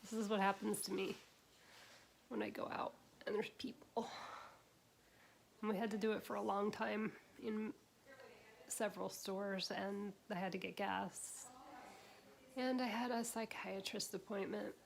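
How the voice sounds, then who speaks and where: A woman vlogger who has nearly lost her voice, talking casually in a soft, often whispered, worn-out but excited way. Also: mid-range voice, moderate pace, vocal fry, slight background noise. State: hoarse, voice nearly gone. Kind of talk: casual vlog chat.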